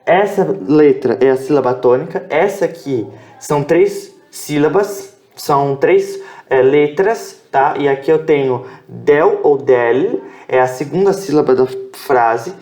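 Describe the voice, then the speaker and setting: A Brazilian man teaching a beginner lesson at a whiteboard, slow and patient, spelling out sounds and syllables and checking in with his students often. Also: on the high side, darkish tone. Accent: Brazilian Portuguese. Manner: spells out sounds and syllables, corrects himself aloud. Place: improvised room with background noise.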